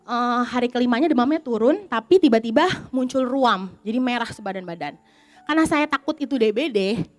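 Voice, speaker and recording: High, animated woman preacher. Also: dry recording. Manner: lively storytelling, acts out quoted voices. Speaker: pastor. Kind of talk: sermon with personal story. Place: church.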